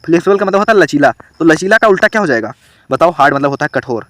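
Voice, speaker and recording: Indian man teaching grammar, fairly high, dry. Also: expressive, rapid-fire, a bit bright, no echo. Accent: Hindi. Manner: explains step by step, asks students questions. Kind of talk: online grammar lesson.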